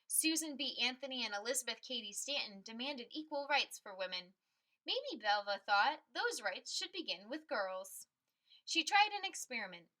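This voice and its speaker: A woman reads a picture book aloud in a bright, high voice at normal speed, telling the story expressively and emphatically with each phrase clearly set out for listeners. The recording is low quality.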